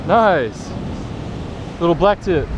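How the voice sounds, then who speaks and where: Young man, fishing vlogger, excitable, joking, raised voice, beach wind and waves. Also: on the high side, slow pace, muffled recording. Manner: excitable, joking, talks to viewers. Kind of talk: casual excited vlog commentary. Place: beach by the surf, outdoors. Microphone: action camera. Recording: wind and surf noise.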